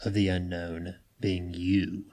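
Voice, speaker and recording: A young man narrating as game master in casual, halting chat, full of fillers. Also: deep voice, level tone, dark tone.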